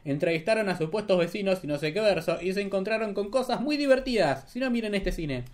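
A man's voice: sits high, animated, fast, darkish tone. An Argentine man hosting a political commentary vlog, talking in a mocking, sarcastic way. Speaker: host.

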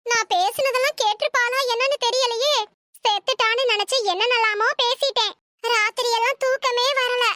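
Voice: very high voice, steady tone, normal speed, pushed and bright, no echo, studio quality. A woman doing a bossy old cartoon mother-in-law. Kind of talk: comic cartoon dub.

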